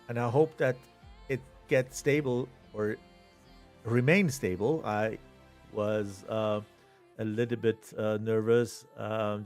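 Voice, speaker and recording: A middle-aged man from Iran, unhurriedly thinking aloud as he commentates a live flight-sim tournament from home. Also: medium pitch. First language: Persian. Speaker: stream commentator.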